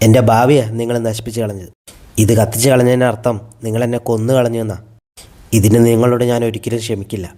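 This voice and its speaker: A man's voice: mid-range voice, level tone, quick pace, mellow, natural voice. A man quoting a hurt, defiant young woman.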